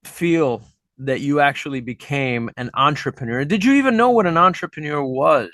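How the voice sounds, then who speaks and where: A middle-aged teacher hosts an interview, asking questions and commenting in a chatty, reflective manner full of fillers. His fairly high, slightly bright voice is animated and moves at a moderate pace, captured in studio quality with no room sound.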